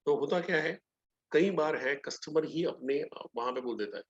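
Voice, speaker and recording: Lively sales trainer. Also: male voice, fairly high pitch, normal speed, muffled recording. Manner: animated storytelling, acts out both sides of dialogues. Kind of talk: live online training session.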